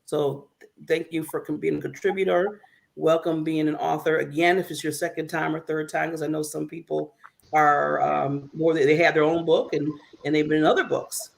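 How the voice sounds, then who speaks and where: Woman talk-show host, chatty and loose, gravelly fry in the voice, video call. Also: sits low, steady tone, normal speed. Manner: warm, chatty, laughing often. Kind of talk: casual online talk show hosting.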